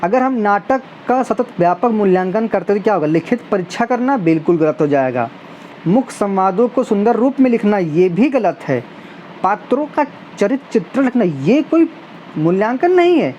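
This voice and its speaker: A woman's voice: medium pitch, big pitch swings, normal speed, warm tone, dull audio. Woman tutor reading out quiz options and explaining answers, faint hiss in the background. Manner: reads each option aloud then explains. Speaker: exam prep teacher.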